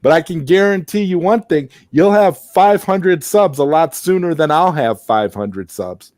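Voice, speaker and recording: A man's voice: a little high, lively intonation, measured pace, a little mellow, no room sound, studio quality. A man hosting a casual late-night live stream, rambling and restarting his sentences as he talks into a headset. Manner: rambling, repeats words and restarts often. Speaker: host.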